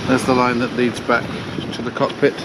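A man on the deck of a sailboat, casually walking through his rigging in slow, pausing explanations. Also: mid-range voice, little pitch movement. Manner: slow, pausing, pointing things out. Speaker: sailor showing his boat. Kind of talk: casual how-to walkthrough. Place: on deck of a sailboat, outdoors on the water. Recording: wind noise on the mic outdoors. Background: wind and water noise.

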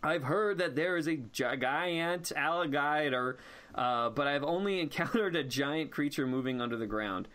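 A man's voice: fairly high pitch, moderate pace, a bit bright. A man hosting a let's play, giving casual gameplay commentary, often laughing and reading game text aloud.

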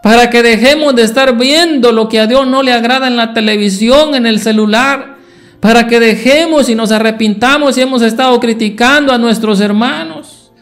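A man's voice: very high voice, moderate pace, a bit bright, soft background music. A man preaching a Sunday school sermon, asking the congregation rhetorical questions.

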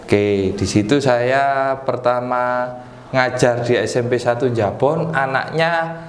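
A man, a PE teacher chatting as a guest in a relaxed, joking way. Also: mid-range voice. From East Java, Indonesia. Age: 30s. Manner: relaxed and joking, with pauses to recall. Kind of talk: casual interview chat. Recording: roomy echo, faint ambient noise.

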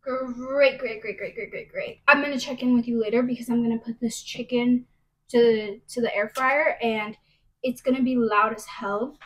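A woman's voice: on the high side, fairly even intonation, moderate pace, a bit bright, low-quality recording. A young woman, a college student, chatting casually to a propped-up camera in her kitchen, rambling off on gossipy tangents. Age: young adult. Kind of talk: casual vlog chat to camera. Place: home kitchen, later a bedroom. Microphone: phone camera propped at arm's length, later a handheld mic.

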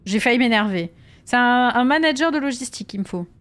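A woman's voice: on the high side, expressive, a little fast, a bit bright. A woman chatting during a live gameplay stream, reacting to viewers' messages and sometimes slipping into English with a French accent.

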